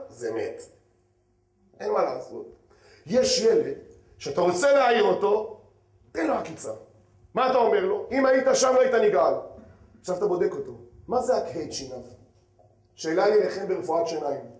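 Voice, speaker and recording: A man, a rabbi giving a lively lecture who keeps asking his audience questions and swings between loud and hushed. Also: high voice, long pauses. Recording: echoey hall.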